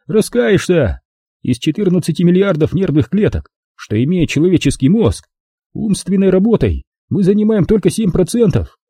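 A weary, thoughtful army captain, as a man puts him on speaks with heavy, aching earnestness. His raised voice stays dark and mellow. The sound is husky and dry. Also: high voice, sing-song, normal speed, dry recording, voice pushed up, full character voice. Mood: earnest.

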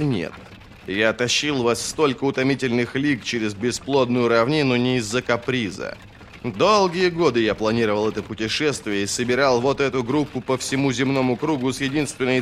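A man's voice: medium pitch, a bit bright, slight background noise, close to an everyday voice. A man doing a sarcastic old wizard. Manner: dry, biting sarcasm.

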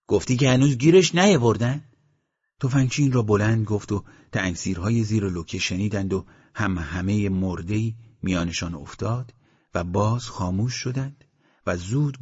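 A man reading a novel aloud as an audiobook narrator, in a measured storytelling manner. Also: fairly low pitch, a little mellow, breathy edge. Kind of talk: scripted narration. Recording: dull lo-fi recording.

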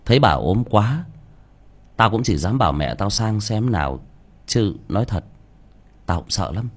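A man's voice: on the low side, very animated, a little slow, exaggerated voice. A man voicing a blunt, crude-talking young village cowherd. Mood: hushed uneasy.

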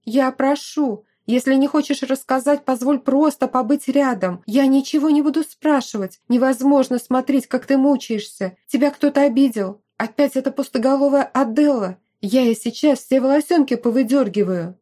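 A woman doing a lively, outspoken young girlfriend. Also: high voice, normal speed, few pauses, voice pushed up. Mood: worried. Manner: emphatic, talkative. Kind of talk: audiobook character voice.

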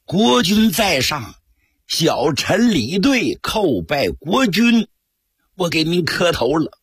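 A man voicing a crafty male official, speaking in a husky, raised voice. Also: a little high, sing-song, slow, no echo, studio quality, voice pushed up, exaggerated voice. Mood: humble. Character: defiant then humble male official, scheming.

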